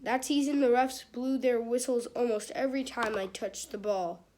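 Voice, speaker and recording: An amateur reader, a woman, reads a children's book aloud casually and stumblingly, dropping in chatty, informal asides. Her voice sits a little high and sounds a little mellow, at a moderate pace. It's a clearly noisy home recording with clicks.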